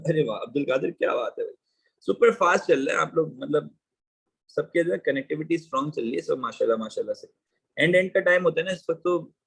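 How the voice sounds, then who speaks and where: A man teaching chemistry in a live online class, reading exam questions slowly and then explaining in quick, chatty Hindi and English, often calling students "bhai". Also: fairly high pitch, gravelly, a bit bright, husky, rough recording.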